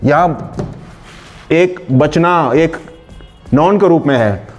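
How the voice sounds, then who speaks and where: A man teaching English grammar in Hindi, explaining words slowly and reading out English example sentences. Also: a little high, faint music behind. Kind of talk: online spoken-English lesson in Hindi.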